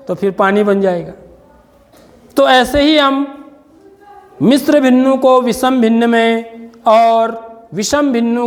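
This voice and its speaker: High-voiced male teacher, echoing classroom. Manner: questioning, repeats "theek hai" often; stern with inattentive children. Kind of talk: classroom maths lesson.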